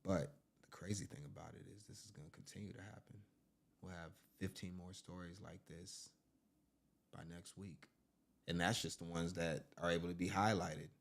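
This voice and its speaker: A man's voice: low-pitched, steady tone, moderate pace. A man hosting a casual crime-news livestream, chatting to his viewers and calling them family. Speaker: livestream host.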